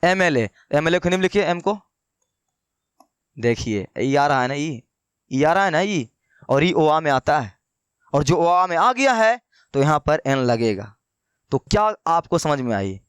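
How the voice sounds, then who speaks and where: High-voiced man teaching a grammar lesson. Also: lively intonation, clean tone, no room sound, studio quality. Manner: asks and answers his own questions, repeats key words; slows down to dictate notes. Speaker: English teacher.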